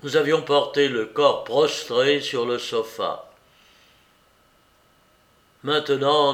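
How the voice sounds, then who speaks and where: A man narrating a classic detective story as an audiobook reader, in slow, deliberate scripted narration. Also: medium pitch, fairly bright tone, roomy sound.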